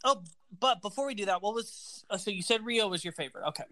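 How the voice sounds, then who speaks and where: A podcast co-host talking casually, relaxed and a little hesitant. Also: mid-range voice, quick pace.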